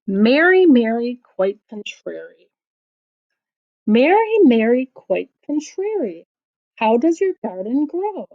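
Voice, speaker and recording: Sounding like a teacher, a woman on the high side reads rhymes to children with sing-song, expressive storytelling and deliberate pacing. The recording has a dull, lo-fi sound.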